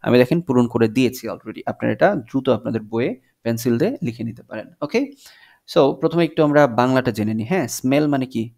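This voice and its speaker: A man teaches an English lesson in a gravelly voice. He reads each English line slowly and then explains it in Bengali. His pitch sits in an ordinary middle range. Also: darkish tone. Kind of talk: video lesson explaining a textbook.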